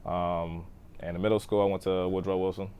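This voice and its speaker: The recording has phone-quality sound and slight background noise. A man in his thirties, born in Texas and raised in Boston, tells stories about his youth as a podcast interview guest, speaking low and a little fast with little pitch movement, many fillers, and a voice that trails off.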